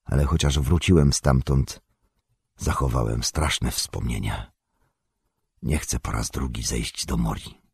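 A man voicing a sombre, haunted male ranger in an audiobook, speaking quietly and heavily. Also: extremely low pitch, measured pace, creaky, husky, no room sound, clean studio sound, voice pushed down, heavily acted. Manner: quiet, heavy. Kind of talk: audiobook character reading.

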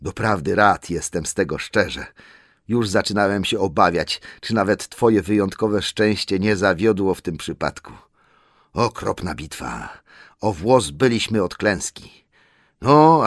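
A man's voice: sits low, lively intonation, unhurried, fairly bright tone, no echo, studio quality, exaggerated voice. Gandalf, a man voicing an old hearty wizard. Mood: glad. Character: wise old male wizard, warm and commanding. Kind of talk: audiobook character voice.

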